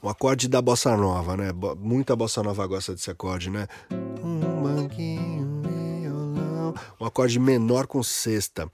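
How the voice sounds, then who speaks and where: Um homem com sotaque brasileiro que apresenta um episódio sobre música e analisa uma canção de um jeito descontraído, com palavrões e pequenos exemplos cantados. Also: male voice, on the low side, moderate pace, hardly any pauses, music in the background. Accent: Brazilian Portuguese. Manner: casual, profane, demonstrative, sings short examples. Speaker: music educator. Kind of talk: casual music analysis episode.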